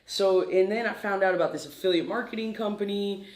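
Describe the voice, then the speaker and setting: A man's voice: high voice, brisk. A man in his twenties from Peru, a guest in a casual interview, talking in a hyper, brash way and swearing freely. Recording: echoey room.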